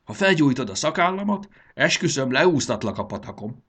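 A man voicing a fussy, cheerful old male gurgó in a storybook reading, his voice pushed high and excitable. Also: slightly rough. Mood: cranky. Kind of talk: audiobook character voice.

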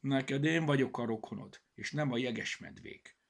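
A man's voice: mid-range voice, big pitch swings, vocal fry, breathy edge, exaggerated voice. A man voicing a grumpy plush toy cat in a children's storybook, grumbling.

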